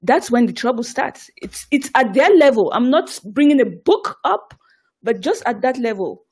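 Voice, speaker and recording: A woman's voice: fairly high pitch, animated, normal speed, a little mellow, breathy edge. A woman in a casual discussion as interviewer, engaged and given to repeating herself.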